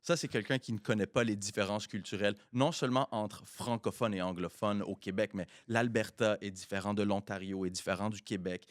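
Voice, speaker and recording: Male co-host, 30s, low voice, code-switching French and English, firm and emphatic. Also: fairly quick, hardly any pauses, no room sound, studio quality. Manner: switches between French and English mid-sentence; opinionated and emphatic. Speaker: podcast co-host. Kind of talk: casual bilingual chat.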